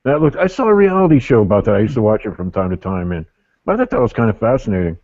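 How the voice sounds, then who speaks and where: A man's voice: on the low side, very animated, fast, darkish tone, dull audio. A middle-aged man chatting casually and telling anecdotes in a group. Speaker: motovlogger in a group hangout.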